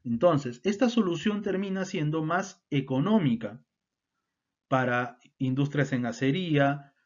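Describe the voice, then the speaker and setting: A man with a somewhat high voice lectures through a technical topic, checking in with his listeners after almost every point. The recording sounds dull and lo-fi. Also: animated, unhurried. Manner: explanatory, frequent tag questions and fillers. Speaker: instructor.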